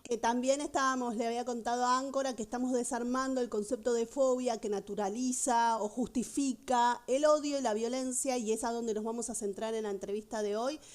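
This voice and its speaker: Higher-voiced woman interviewer. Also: fairly even intonation, brisk, hardly any pauses, darkish tone. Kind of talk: academic interview.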